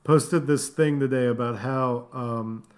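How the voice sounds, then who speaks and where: A man's voice: medium pitch, fairly even intonation, takes it slowly. Chatty laughing man on a podcast. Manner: chatty, laughs often, many fillers. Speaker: podcast co-host. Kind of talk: casual gaming podcast chat.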